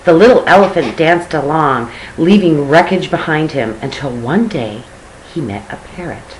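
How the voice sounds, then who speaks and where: A woman's voice: low voice, animated, moderate pace, slight background noise, low-quality recording. An older woman, a grandmother, reading a picture book aloud to a child expressively, with chatty asides.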